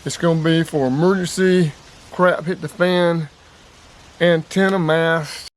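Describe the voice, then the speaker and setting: In this outdoor vlog, a man from North Carolina, US, who covers outdoors and radio hobbies, talks plainly and casually while demonstrating, often repeating points for emphasis. He speaks a little slowly in a steady, somewhat high tone, with clear ambient noise behind him.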